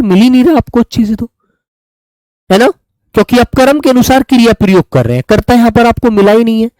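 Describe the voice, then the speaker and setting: A man's voice: very high-pitched, a little mellow, dry recording, poor audio. A man teaching grammar to a class, patiently repeating examples and calling on students by name. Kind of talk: classroom lesson.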